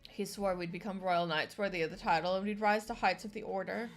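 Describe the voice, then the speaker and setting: A woman's voice: mid-range voice, steady tone, soft background music, natural voice. Woman reading as a formal young woman knight. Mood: earnest. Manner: formal archaic speech, measured. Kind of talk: reading game dialogue aloud.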